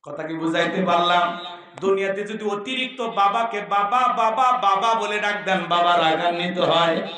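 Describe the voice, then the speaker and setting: Male preacher, high and sharp-toned, rousing sermon delivery with chanted verses, echoey loudspeaker sound. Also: normal speed. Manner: rousing, questions the crowd, chanted Arabic verses. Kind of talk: Bengali waz sermon. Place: outdoor religious gathering.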